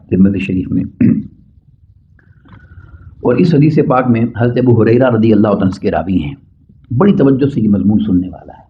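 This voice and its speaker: A middle-aged man delivering a Friday sermon as a preacher, chanting Arabic quotations slowly and then explaining them with rising emphasis on key points. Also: on the low side, a little hiss or hum. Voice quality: recites Arabic hadith in slow measured chant, then explains in Urdu. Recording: dull lo-fi sermon recording.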